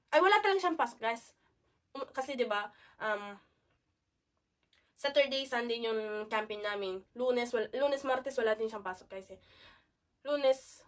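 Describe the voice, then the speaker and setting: Chatty woman vlogger, sick with a cold and cough, fairly high voice, sits back from the mic. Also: recorded from a distance. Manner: chatty, keeps calling out to viewers. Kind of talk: casual chat to camera.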